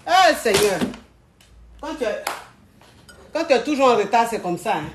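A woman's voice: a little high, big pitch swings, moderate pace, echoey room, a little hiss or hum. A woman hosting a casual live stream, out of breath and sweating, chatting in a scattered way and calling her viewers family.

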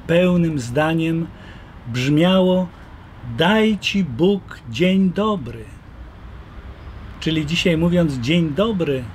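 An older man, a Jesuit priest, explaining calmly and slowly to the camera outdoors. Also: fairly high pitch, slight background noise. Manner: slow, measured, explaining. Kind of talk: calm talk to camera. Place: outdoors by a wooden fence.

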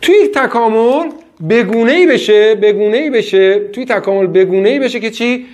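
A man's voice: high-pitched, a little mellow. A man giving a classroom lecture, quizzing his students with frequent questions.

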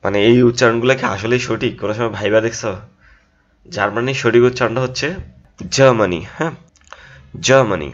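A man teaching an English pronunciation lesson in a casual classroom way. He drills each word aloud and keeps adding a quick "yes". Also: medium pitch, fairly even intonation. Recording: dull lo-fi recording.

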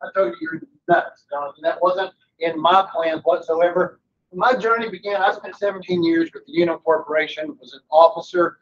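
Man, fairly high voice, energetic motivational pitch, meeting room, dull sound. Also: normal speed. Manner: energetic, salesman-like, rhetorical questions. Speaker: guest presenter, workforce trainer. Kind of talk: motivational presentation. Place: conference room, standing at front.

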